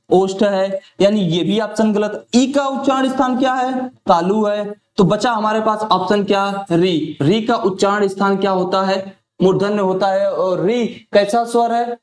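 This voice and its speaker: Male tutor, very high pitch, question-and-answer drilling style, roomy echo. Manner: asks a question, then answers it himself. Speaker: teacher. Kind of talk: exam-prep lesson. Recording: echoey room.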